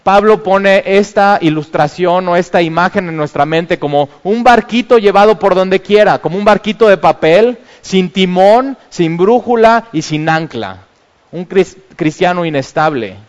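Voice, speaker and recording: High-voiced preacher in a reverberant hall. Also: male voice, a little slow. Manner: animated storytelling with exclamations. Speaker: pastor. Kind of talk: sermon.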